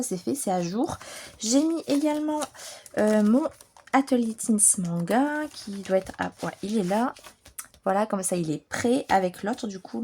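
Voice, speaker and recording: A French woman vlogging casually about her coloring books, chatty and enthusiastic, a little hoarse as she recovers from bronchitis. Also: a little high, mellow. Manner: chatty, enthusiastic, many fillers. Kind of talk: casual vlog chat.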